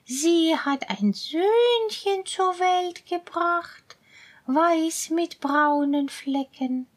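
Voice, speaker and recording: A woman reads as a greedy, sly cat from a fairy tale who meows between her lines. The voice sits higher than the reader's own and stretches its words slowly. It sounds coaxing and scheming. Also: lively intonation, heavily acted. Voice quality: meowing, purring. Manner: drawn-out, scheming delivery.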